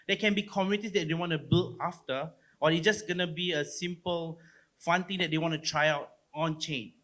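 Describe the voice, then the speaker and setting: A male co-founder of a platform, sitting on a conference panel, talks in a relaxed way with a Singaporean accent. His voice is somewhat high and a little bright, and he explains loosely while frequently adding questions onto his points.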